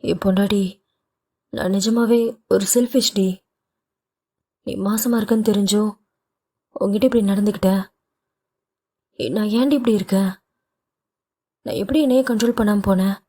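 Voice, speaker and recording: A woman's voice: medium pitch, steady tone, normal speed, pauses often, warm tone, lightly acted. A woman voicing a young husband who is guilt-ridden and protective, pleading in a tender, scolding way, in a read audio novel. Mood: guilty.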